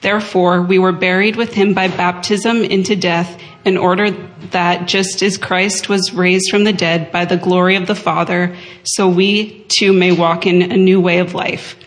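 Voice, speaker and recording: A woman reading a scripture passage aloud to a congregation in a steady, measured way. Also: lowish voice. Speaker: scripture reader.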